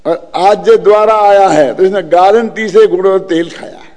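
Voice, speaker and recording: A man's voice: high voice, moderate pace, a little mellow, in a large hall. An older Indian man giving a spiritual discourse, telling a true story and often checking that his listeners follow. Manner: storytelling, often asks the audience if they follow. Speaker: religious teacher.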